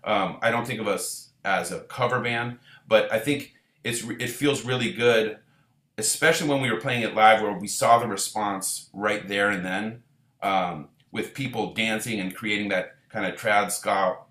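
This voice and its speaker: Echo from the room surrounds a band leader from Israel whose voice sits on the low side at normal speed. He talks at length in a loose, informal interview, rambling with lots of fillers and restarts.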